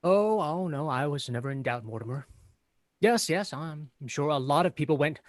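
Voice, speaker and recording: A man's voice: on the high side, lively intonation, normal speed, a little hiss or hum, lightly acted. A man playing a self-satisfied executive with a smug, ingratiating manner in a comedy script reading. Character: self-satisfied male executive schmoozing on the phone.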